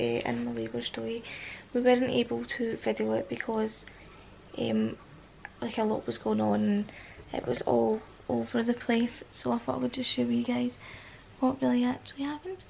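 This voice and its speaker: A Scottish woman in her twenties vlogs from her bedroom at home, lying back against the headboard and speaking softly to a phone or camera held at arm's length. A cold makes her voice husky, and her hushed, casual talk is full of ums. Her pitch sits on the high side, her pace is moderate, and there's a faint hiss or hum.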